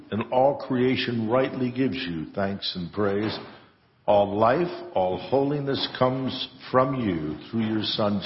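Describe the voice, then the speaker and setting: A man presiding as priest, reciting the liturgy solemnly in a church with a cathedral echo. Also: on the low side. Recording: cathedral-like echo, long reverb, muffled sound.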